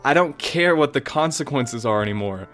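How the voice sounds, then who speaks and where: A man reading a shy bookish girl's lines aloud in a game playthrough, in a soft, low, intense voice. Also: animated, moderate pace, faint music behind, lightly acted. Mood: obsessive. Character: shy bookish teen girl turning obsessive.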